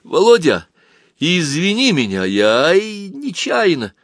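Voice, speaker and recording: A man's voice: fairly high pitch, huge pitch swings, slow, no room sound, studio quality, pitched above the performer's own voice, exaggerated voice. A man reading a story aloud, voicing a timid, chubby schoolboy make-up artist who mumbles and pleads. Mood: apologetic.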